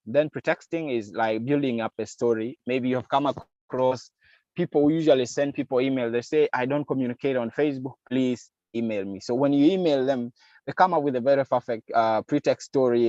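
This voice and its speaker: A man's voice: medium pitch, darkish tone, dry recording, dull audio. A man giving an online masterclass lecture on digital security, explaining step by step with frequent fillers and acting out lines that a scammer might say. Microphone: video call.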